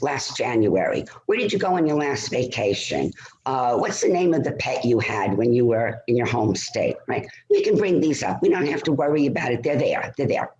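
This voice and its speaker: A man presenting a stress-management talk on a video call, lively and conversational, often checking in with "all right?". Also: medium pitch, muffled recording. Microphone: computer mic on a video call. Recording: roomy video call audio.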